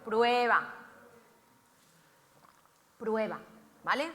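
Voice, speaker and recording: A woman preacher with a high, bright voice delivers a dramatic sermon. She acts out cries aloud, and her voice carries with a long reverb in a church hall. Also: expressive, drawn-out words. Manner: theatrical, shouts out acted cries of the lepers.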